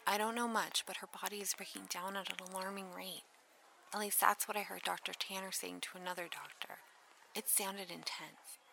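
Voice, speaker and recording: Audio drama: helpful female officer actor, matter-of-fact and earnest, noticeable vocal fry, noisy ambience. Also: medium pitch, fairly even intonation, moderate pace, lightly acted. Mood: earnest, concerned.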